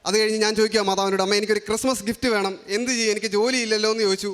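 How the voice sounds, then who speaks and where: A man's voice: high-pitched, flat delivery, rapid-fire, a bit bright. A young man from Kerala giving an earnest personal faith testimony, framing each remark as a quote. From Kerala, India. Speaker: testimony giver at a shrine.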